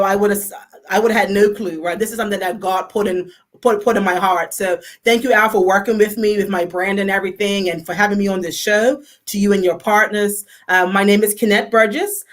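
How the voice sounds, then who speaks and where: An energetic woman with a Bermudian accent, speaking as a guest on a casual talk show. Her voice sits at an ordinary middle pitch for a woman, and her delivery is upbeat and enthusiastic. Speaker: guest, fashion designer.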